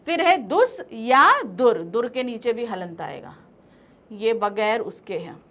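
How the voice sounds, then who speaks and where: Bright, slow-spoken woman teacher. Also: a little high, sing-song, a little hiss or hum. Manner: slow, deliberate word-by-word dictation with quick asides. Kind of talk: grammar lesson, reading word lists.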